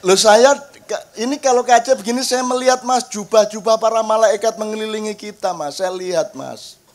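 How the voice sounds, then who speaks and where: A man's voice: sits high, moderate pace. A man with a Javanese accent telling rambling stories at a public forum, chuckling often and calling his listeners "Mas". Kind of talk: rambling storytelling talk. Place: open-air public gathering.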